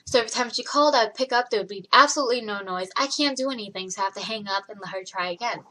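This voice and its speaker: A young woman vlogging about her day with a bright, forceful edge to her voice and a pitch that sits a bit high. She tells a story about rude customers and acts out each back-and-forth as she goes. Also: very fast. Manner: animated retelling of work customers, acting out both sides. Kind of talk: casual storytelling vlog.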